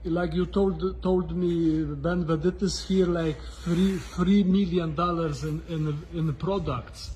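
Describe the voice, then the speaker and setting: A man with a Polish accent presenting a tour as visiting host and translator, effusive, halting and repeating himself for emphasis. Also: on the high side, steady tone, darkish tone, rough recording. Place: indoors, office and warehouse. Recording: background noise in warehouse.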